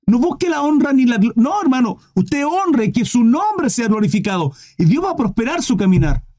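High-voiced, lively male preacher. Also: moderate pace. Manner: emphatic, keeps addressing listeners as "brother", rhetorical questions. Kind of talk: livestreamed Bible teaching.

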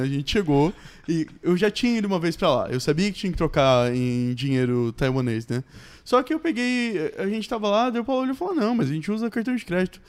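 Casting: Brazilian male, higher-pitched, very lively intonation, slangy conversational storyteller who acts out dialogue. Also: clear, resonant tone. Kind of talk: casual chat.

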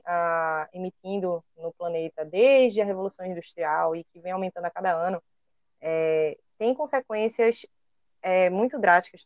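Lower-pitched Brazilian woman, dull dry recording. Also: no room sound. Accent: Brazilian Portuguese. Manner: hesitant, searching for words while explaining. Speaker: co-host. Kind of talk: educational podcast discussion.

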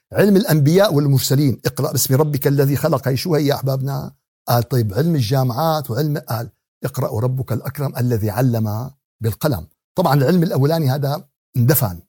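Fast-talking Syrian man preaching, husky and creaky. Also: mid-range voice, mellow, no echo, studio quality. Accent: Syrian Arabic. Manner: didactic, asks rhetorical questions and repeats key words; conversational, with everyday examples and acted exchanges. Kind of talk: religious lesson on Quran exegesis, mixing classical recitation with colloquial talk.

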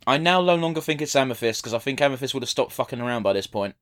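A man's voice: medium pitch, animated, very fast, a bit bright. A man giving casual, blunt, sweary commentary as a podcast co-host. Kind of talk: casual watch-along commentary.

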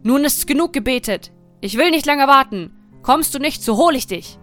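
A woman's voice: a little high, normal speed, fairly bright tone, faint music behind, natural voice. Bluebeard, a stern menacing husband, read by a woman. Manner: commanding, threatening. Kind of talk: fairy tale reading.

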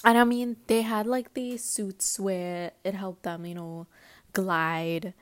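Her medium-pitched voice moves at a slow pace as she hosts a relaxed one-woman podcast. The talk wanders, peppered with fillers, and she's giggly and eager throughout.

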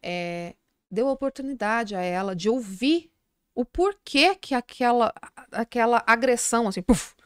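A middle-aged woman with a slightly high voice, recounting a story as a podcast guest. She talks in a loose, chatty way and strings along filler phrases as she goes. Her voice sounds close and dry, with little room echo. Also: a little slow, smooth. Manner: lively anecdote-telling with filler phrases. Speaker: psychologist guest. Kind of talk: casual storytelling in a podcast interview.

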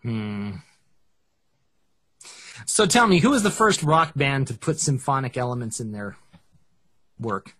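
A man co-hosting a casual music review show, talking in an animated, joking way into a headset mic. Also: mid-range voice, a little slow, long pauses, breathy edge. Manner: animated, joking, breaks into song snippets and shouts. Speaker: podcast co-host reviewing music. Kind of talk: casual chat.

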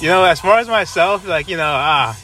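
A man's voice: sits high, lively intonation, a little fast, sharp tone, faint music behind. A man in his twenties co-hosting a podcast in casual chat, rambling with lots of fillers and restarts. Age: 20s. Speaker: podcast co-host.

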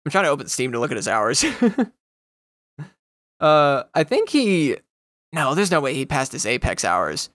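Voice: medium pitch, big pitch swings, moderate pace, pauses often, no echo. Rambling young co-host, dry close mic. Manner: rambling, swears a lot, breaks into loud goofy impressions. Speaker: podcast co-host. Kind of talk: casual chat.

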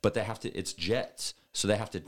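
Deep-voiced male podcast co-host, animated storyteller, casual. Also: fairly quick. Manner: animated storyteller, laughs often. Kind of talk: casual chat.

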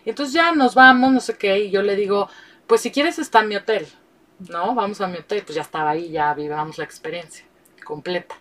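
Brief: middle-aged Mexican woman guest, candid and animated, sits back from the mic. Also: mid-range voice, a little fast. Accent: Mexican Spanish. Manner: animated, frank, laughs often. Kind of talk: candid storytelling. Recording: voice distant from the mic.

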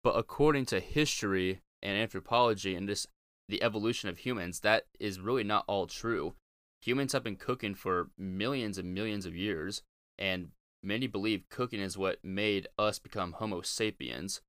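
A man's voice: lowish voice, normal speed, a bit bright, smooth, dry recording, studio quality. A man hosting a podcast in a casual, blunt, informal monologue, recorded in a closet at home. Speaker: podcast host. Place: small closet in a home bedroom.

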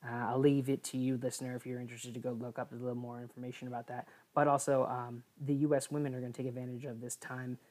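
A woman with a remarkably low, deep voice co-hosts a casual sports podcast, rambling through the news roundup. She pauses often on fillers and corrects herself as she goes. Her delivery is flat and a little mellow.

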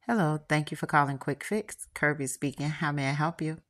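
A woman's voice: low voice, brisk, a bit bright. A woman voicing a confident male appliance repairman with an easy, flirtatious politeness. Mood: smooth, flirty.

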